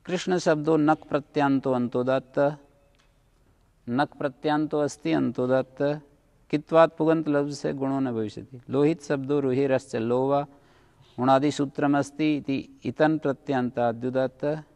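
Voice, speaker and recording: Explaining Sanskrit grammar rule by rule, a man lecturing his class stops to confirm the students have understood. He speaks a little slowly in a steady, mid-range voice that is a little mellow, recorded without echo.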